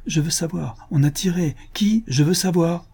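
A man reading the part of a proud, sharp-tongued young woman in an audiobook, curt and imperious. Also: on the high side, normal speed, gravelly, husky, voice pushed up, full character voice.

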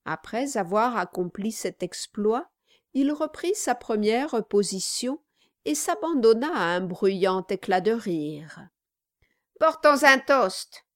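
A woman narrating a classic novel as an audiobook, in slow, measured storytelling. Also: medium pitch, animated, darkish tone, no room sound, clean studio sound. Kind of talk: scripted narration.

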